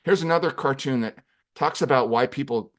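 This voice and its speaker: A man presenting a clinical webinar lecture in an animated, playful way, acting out voices. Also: medium pitch, brisk.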